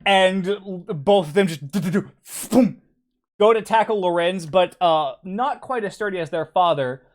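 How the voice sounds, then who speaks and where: A man's voice: sits high, normal speed. A man narrating a tabletop game as game master, hesitant and full of fillers.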